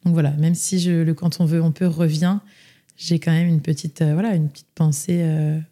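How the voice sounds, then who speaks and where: Chatty young woman, low mellow voice. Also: fairly even intonation, normal speed. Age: young adult. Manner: chatty, many fillers and restarts. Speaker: interview guest. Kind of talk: casual podcast interview.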